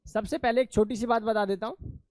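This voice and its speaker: A man's voice: high voice, fairly even intonation, fairly quick, darkish tone, no room sound. A male chemistry teacher lecturing in a classroom. He keeps asking his students questions, answers them himself, and calls them "beta".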